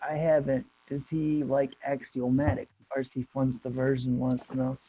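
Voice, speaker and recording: A man's voice: mid-range voice, little pitch movement, normal speed, warm tone, a little hiss or hum. A man in his thirties hosting a casual livestream, laughing often, reading chat aloud and swearing casually. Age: 30s. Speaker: livestream host. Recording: dull lo-fi dry sound.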